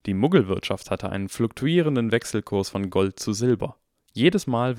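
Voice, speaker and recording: A man reading an audiobook in calm, even, measured narration. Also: medium pitch, no echo, clean studio sound. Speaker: audiobook reader. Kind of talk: scripted narration.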